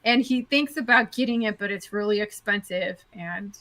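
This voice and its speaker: A woman's voice: medium pitch, moderate pace, sharp tone, dry recording. A woman hosting a casual book discussion livestream, chatty and full of filler words as she steers the talk. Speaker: livestream host.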